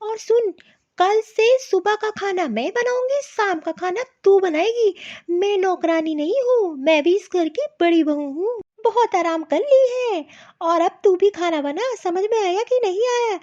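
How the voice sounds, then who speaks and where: A woman's voice: very high voice, animated, a little slow, a little mellow, muffled recording. A woman voicing a put-upon elder daughter-in-law who scolds and complains in a cartoon. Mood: scolding. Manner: aggrieved, scolding. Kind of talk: cartoon voice acting.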